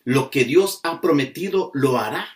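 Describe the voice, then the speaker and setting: A male pastor preaching at a slow, deliberate pace, leaning hard on key words. His voice sits at an ordinary middle pitch. It is picked up from some distance away from the microphone. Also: expressive. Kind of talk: sermon. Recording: voice from a distance off the mic.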